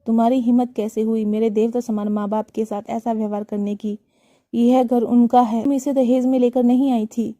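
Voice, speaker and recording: A woman voicing a grown son who shouts at his wife in anger for mistreating his parents. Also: a little high, level tone, moderate pace, no echo, lightly acted. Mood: furious.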